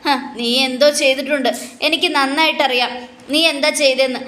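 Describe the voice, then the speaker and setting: A woman's voice: high-pitched, fairly even intonation, a little fast, sharp tone, reverberant. Woman reading as an accusing young woman.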